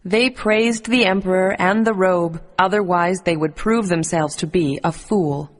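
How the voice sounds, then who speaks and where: Lower-pitched woman narrating a children's bedtime story. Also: unhurried.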